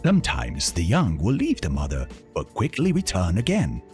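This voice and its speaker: A man's voice: low voice, wildly swooping pitch, moderate pace, darkish tone, faint music behind. A synthetic male voice reading nature documentary narration in a solemn manner.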